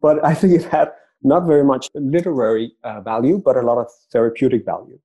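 Danish-accented man with a dark, mellow voice. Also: medium pitch, husky. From Denmark. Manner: halting, repeats words when starting sentences. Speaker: author guest. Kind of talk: conversational storytelling interview.

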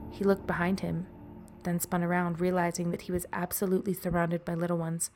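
A woman with a low voice and a gravelly fry narrates a spooky short story. Her reading is even and measured, and she takes a friendly tone as podcast host.

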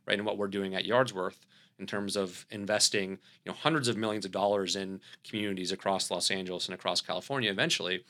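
A man's voice: low-pitched, steady tone, fast talker, pushed and bright. A man with a Southern US accent, a company CEO explaining his product in a podcast interview, speaking fluently with many fillers and restarts.

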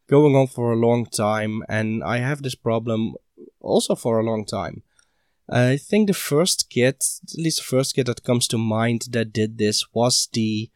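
A man hosting a hobby podcast, talking in a halting way with many fillers and restarts, still short of breath after being ill. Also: medium pitch, clean tone, no echo, studio quality. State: recovering from illness, short of breath. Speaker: podcast host. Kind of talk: casual hobby podcast monologue.

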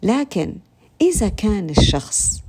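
A woman's voice: mid-range voice, very animated, measured pace, a little mellow, breathy edge. A woman with a Levantine Arabic accent giving an informal religious talk, speaking to her listeners directly with many fillers and restarts.

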